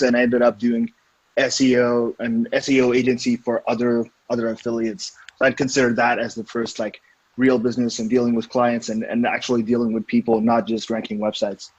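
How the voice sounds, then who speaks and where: A young man from Estonia answers interview questions in a somewhat husky, breathy voice. He talks thoughtfully and hesitates as he works through his answers. The audio sounds dull and lo-fi. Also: mid-range voice, darkish tone. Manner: thoughtful, hesitant with fillers and restarts. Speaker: guest, digital marketing director. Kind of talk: casual interview.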